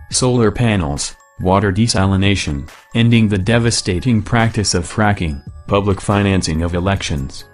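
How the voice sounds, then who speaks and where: A man reading a scripted protest manifesto in a disguised deep voice, solemn and measured, declaiming in repeated phrases. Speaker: anonymous activist spokesman.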